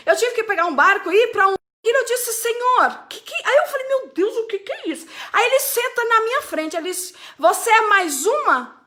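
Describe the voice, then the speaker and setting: A woman pastor, telling a testimony in an animated storytelling sermon and acting out the dialogue. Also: extremely high pitch.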